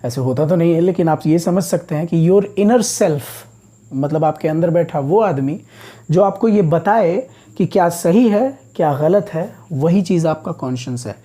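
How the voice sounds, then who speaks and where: A man's voice: fairly high pitch, lively intonation, a little slow, warm tone, slightly rough. A man teaching English vocabulary as a classroom lecture, explaining words patiently, step by step.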